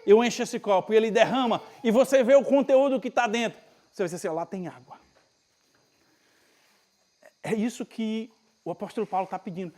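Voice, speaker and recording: A male pastor with a northeastern Brazilian accent preaching a conversational sermon at a retreat, acting out Bible scenes with lively everyday speech. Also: high voice, brisk, pauses often. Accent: Brazilian Portuguese, northeastern.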